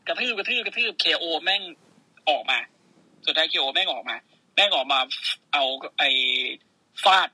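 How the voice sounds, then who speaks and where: Excitable Thai-speaking man, bright and husky. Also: a little high, no room sound, poor audio. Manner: excitable, swearing, play-by-play storytelling. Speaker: podcast co-host. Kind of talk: casual wrestling recap.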